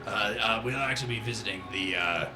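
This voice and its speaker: A man's voice: on the low side, brisk. A man improvising tabletop game narration as game master, in a conversational, piecemeal way. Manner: conversational, piecemeal descriptions full of "like". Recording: roomy echo with music behind.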